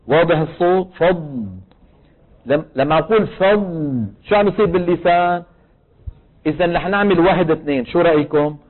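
Levantine teacher with a thin, phone-like sound. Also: male voice, high-pitched. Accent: Levantine Arabic. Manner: explains patiently, asks the class questions and answers them himself. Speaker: Quran recitation teacher. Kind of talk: tajweed lesson.

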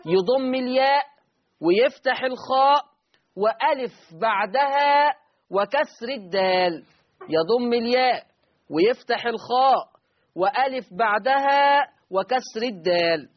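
A man with an Egyptian accent teaching Quran recitation on a call-in lesson, repeating each point slowly so listeners can write it down. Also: very high-pitched, animated, highs cut off. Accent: Egyptian Arabic.

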